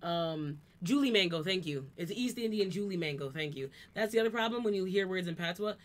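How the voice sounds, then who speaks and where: A woman's voice: lowish voice, expressive, brisk. A woman chatting casually on a live stream in an explanatory, teasing way, with some background noise. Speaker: streamer, co-host. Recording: background noise and room ambience.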